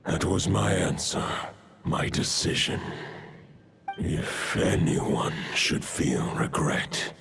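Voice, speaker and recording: Gravelly ancient wolf spirit. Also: male voice, low-pitched, expressive, a little hiss or hum, exaggerated voice. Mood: solemn regret. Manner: grave, slow, archaic formal speech. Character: ancient wolf spirit lord, solemn, weary and wise. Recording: loud music behind the voice.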